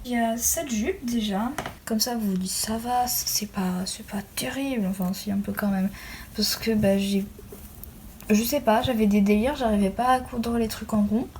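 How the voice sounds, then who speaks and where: A woman's voice: mid-range voice, fairly even intonation, normal speed, a little mellow. Chatty young woman, noisy recording. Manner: self-deprecating, giggly. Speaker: hobbyist crafter showing handmade doll accessories. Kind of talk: casual chatty show-and-tell. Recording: noisy home recording with clicks.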